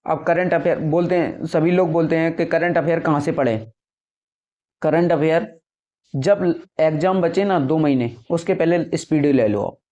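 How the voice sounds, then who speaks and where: Young guy giving exam prep tips, earnest, keeps repeating himself, kinda high voice, muffled lo-fi audio. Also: moderate pace, warm tone. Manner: earnest, repetitive, addresses viewers as brothers. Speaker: successful exam candidate giving advice. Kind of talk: casual advice talk to camera. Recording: dull lo-fi sound.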